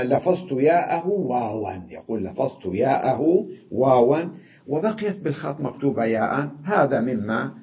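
A man teaching an Arabic grammar lesson, explaining patiently and repeating example words slowly. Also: mid-range voice, dull audio.

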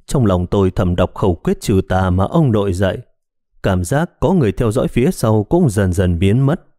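A man narrating a horror detective story in a scripted, expressive storytelling manner on a close mic. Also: fairly low pitch, normal speed, no room sound. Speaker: audiobook narrator.

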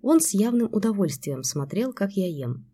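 Woman narrator, first-person audiobook, low husky voice, dark mellow tone, measured. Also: big pitch swings.

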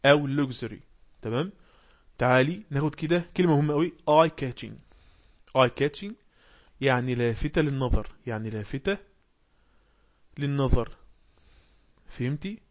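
A man with an Egyptian accent teaching an English class online, explaining words and quizzing the class with quick questions. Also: mid-range voice, lively intonation. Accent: Egyptian Arabic. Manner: reads English passages slowly.

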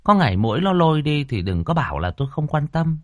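A male narrator voicing an old village wife who scolds her husband, in a shrill, nagging tone, in a storybook reading. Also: sing-song, fast talker, a little mellow, no echo, clean studio sound. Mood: scolding.

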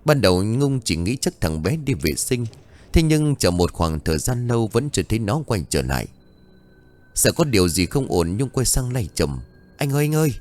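A man narrating a village ghost story in a steady, expressive storytelling voice. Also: on the low side, moderate pace, soft background music. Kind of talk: scripted horror story narration.

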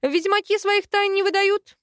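A woman voicing an eager, cheerful young male student who is a witcher, speaking high and quick. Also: fairly even intonation, a bit bright, dry recording, studio quality.

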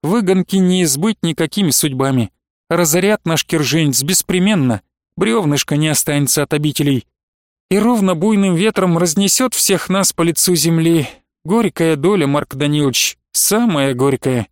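A man's voice: on the high side, moderate pace, no room sound, clean studio sound, lightly acted. A man voicing a grieving, pious old nun who laments and pleads tearfully. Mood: mournful. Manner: lamenting, sing-song pleading.

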